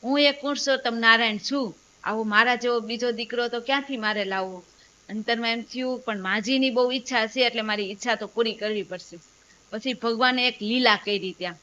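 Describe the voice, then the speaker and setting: Bright-voiced woman storyteller. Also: on the high side, brisk, slight background noise. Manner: storytelling with quoted dialogue. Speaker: devotional storyteller. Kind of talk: religious story narration.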